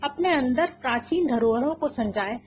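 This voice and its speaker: Woman, news narrator, measured delivery, a bit high-pitched, dull lo-fi sound, faint hiss. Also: animated. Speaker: news presenter.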